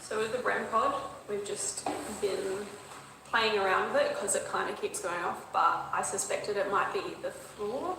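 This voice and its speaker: A woman's voice: medium pitch, measured pace, recorded from a distance. A woman hosting a ghost-hunting vlog inside a church, talking earnestly and coaxing unseen spirits to respond. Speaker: paranormal investigator and host. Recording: echoey church, noisy background.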